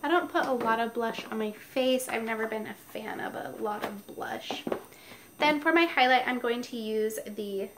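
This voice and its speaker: Over a noisy background and a noisy mic, a beauty vlogger with a fairly high-pitched voice goes through her makeup routine at a moderate pace. She has a stuffy nose, records at home, and keeps things casual and chatty while explaining every step.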